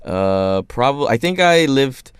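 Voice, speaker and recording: A young man from the United States hosting a radio show in relaxed, casual chat. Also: medium pitch, measured pace, smooth, no room sound, studio quality. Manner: relaxed, laid-back, says "man" a lot.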